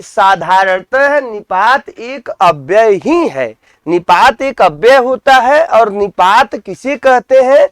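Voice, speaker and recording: A man's voice: high-pitched, no echo. A man teaching an exam-prep grammar lesson, repeating key terms and asking his students questions that he answers himself.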